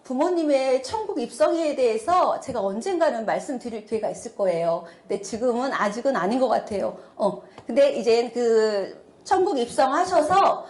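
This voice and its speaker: A middle-aged woman delivers a church testimony with a high, swooping voice. She talks in an animated way, exclaiming and laughing often. The sound carries a roomy echo. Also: moderate pace, few pauses. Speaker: church speaker giving testimony. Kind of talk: testimony sermon.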